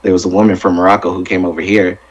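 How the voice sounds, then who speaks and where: A man on a casual culture podcast, telling an anecdote in a measured way to make his point. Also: deep voice, little pitch movement, lo-fi sound. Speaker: podcast co-host. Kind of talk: casual chat.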